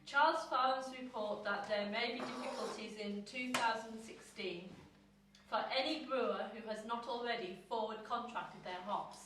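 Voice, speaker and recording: A woman's voice: a little high, normal speed, background noise. A woman co-hosting a brewery live stream, chatting and teasing while she reads news items. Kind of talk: casual chat and news reading. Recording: very echoey room, voice distant from the mic.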